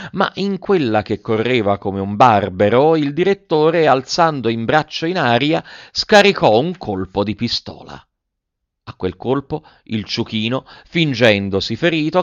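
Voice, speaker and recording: A man reads a storybook aloud in a lively, expressive manner. His voice is smooth and clear, at a middle pitch. The recording is dry and a bit dull. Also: no room sound. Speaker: narrator. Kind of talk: audiobook reading of a classic tale.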